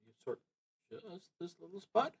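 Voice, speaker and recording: Here a man with a high, husky voice, sing-song and touched by vocal fry, talks his way through a solo tabletop RPG session. He's casual and halting, thinking out loud and muttering to himself along the way.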